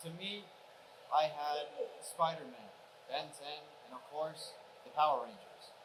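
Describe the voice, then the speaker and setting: A man's voice: a little high, measured pace, a little hiss or hum, poor audio. A man in the audience earnestly asking the panel a question. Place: convention hall audience.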